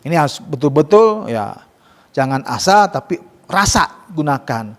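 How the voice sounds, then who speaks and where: Man, Quran recitation teacher, fairly high voice, casual explaining, long hall echo. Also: very animated. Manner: explains casually, models slow drawn-out recitation. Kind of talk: tajwid lesson with students.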